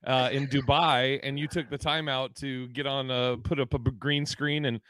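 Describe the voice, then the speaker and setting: A man's voice: medium pitch, level tone, moderate pace, fairly bright tone, no room sound. A man hosting a comedy podcast with casual, jokey, profane banter.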